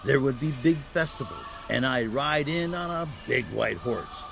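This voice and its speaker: An actor playing a kindly old Santa who is truly a saint, gently explaining like a storyteller in a family audio drama. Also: male voice, medium pitch, normal speed, creaky, background noise, close to an everyday voice. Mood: kindly, informative.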